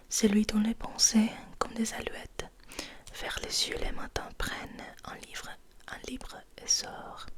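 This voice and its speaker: Her voice sits a little high as she whispers near the microphone, hosting a soft poetry reading in a deliberate, hushed ASMR style.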